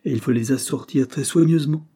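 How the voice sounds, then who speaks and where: Guy voicing a dutiful young clerk, patient and firm, slightly raised, husky. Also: mid-range voice, brisk, warm tone, pitched above the performer's own voice. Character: earnest conscientious young male clerk.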